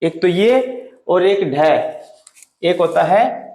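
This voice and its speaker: A man teaching a Hindi grammar lesson at the board, asking questions and answering them himself, slowing down hard on key words. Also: high voice, a little mellow, echoey room. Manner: drawn out slow on key words.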